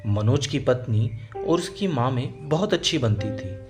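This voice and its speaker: A man narrating a scripted family story in a steady, clear reading voice. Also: medium pitch, unhurried, music in the background.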